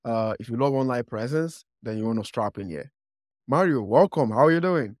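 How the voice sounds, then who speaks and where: A podcast host asks questions in an upbeat, casual interview, his speech dotted with filler words. His mid-range voice is expressive and fairly quick, captured as clean studio sound with no echo.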